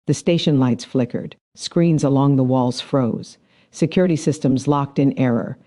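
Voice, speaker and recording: Mellow male story narrator. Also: medium pitch. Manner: measured, dramatic storytelling. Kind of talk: scripted narration.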